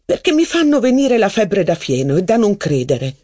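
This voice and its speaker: A man's voice: high-pitched, big pitch swings, normal speed, warm tone, voice pushed up. A reader voicing a young male duke who speaks in an offhand way. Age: young adult.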